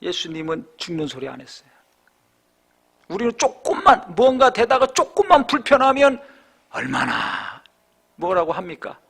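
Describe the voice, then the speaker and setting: A male pastor preaching a sermon with rhetorical questions, swinging between raised exhortation and hushed reflection. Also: sits high, sing-song, moderate pace, vocal fry, long pauses, slightly rough.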